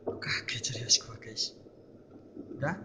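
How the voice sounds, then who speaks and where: A man's voice: slow pace, noisy background. A young man giving casual, tense commentary on a horror game he is playing, talking to his viewers. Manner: jumpy, tense, keeps addressing viewers as guys. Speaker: gameplay streamer.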